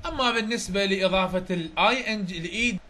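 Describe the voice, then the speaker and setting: A man's voice: high voice, quick pace, bright, forceful tone. A man with an Iraqi Arabic accent, working through a grammar chapter review and checking that his students follow. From Iraq. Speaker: English grammar tutor.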